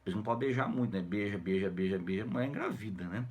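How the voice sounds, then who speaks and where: A man's voice: fairly low pitch, big pitch swings, fast talker, breathy edge. Brief: Brazilian male teacher, middle-aged, jokey and slangy, tags every phrase with "né?". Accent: Brazilian Portuguese. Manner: jokey, slangy, constant "né?" tags, acts out characters' lines. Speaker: literature teacher. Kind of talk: casual retelling of a novel for students.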